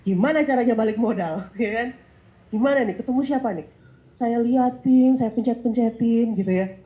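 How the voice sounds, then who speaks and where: A woman in her thirties with a stuffy nose giving a lively testimonial speech, acting out dialogue as she tells her story. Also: a little high, normal speed, lo-fi sound. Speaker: sales testimonial speaker. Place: event hall.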